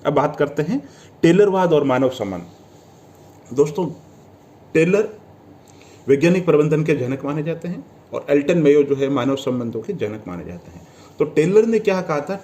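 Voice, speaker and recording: A man's voice: on the high side, a little mellow. A man teaching a civil service exam class, often asking questions and answering them himself, and telling students to learn definitions by heart. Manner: addresses students as friends, tells them to memorize. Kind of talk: lecture.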